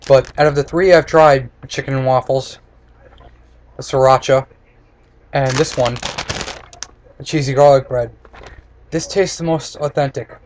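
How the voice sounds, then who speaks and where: This snack reviewer, a man in his twenties, talks unhurriedly with long pauses, his medium-pitched voice darkish and fairly even. He is casual, blunt, and sarcastic, recorded on a noisy webcam mic close to his desk in a small room with audible room noise.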